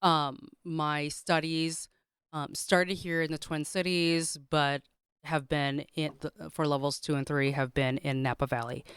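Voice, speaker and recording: Low-voiced woman telling a lively story. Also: smooth, no room sound, clean studio sound. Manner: animated storyteller, many fillers and restarts. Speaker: guest, caterer. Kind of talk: casual storytelling on a podcast.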